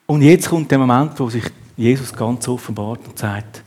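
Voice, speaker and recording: A man's voice: medium pitch, moderate pace, a little mellow, slightly rough. A man preaching a sermon, acting out the quotes in the story with a raised voice.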